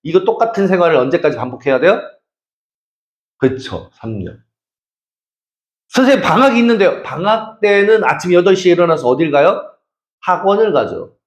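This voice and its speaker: Brief: middle-aged male academy teacher, high voice, playful teasing lecture, roomy classroom. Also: expressive, normal speed. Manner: teasing, checks for understanding constantly. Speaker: math and science academy teacher.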